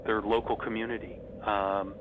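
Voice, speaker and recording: A man's voice: lowish voice, flat delivery, normal speed. A middle-aged man telling stories casually as an interview guest, with a fan's enthusiasm. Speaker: interview guest, horror host. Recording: noisy, thin phone-like line.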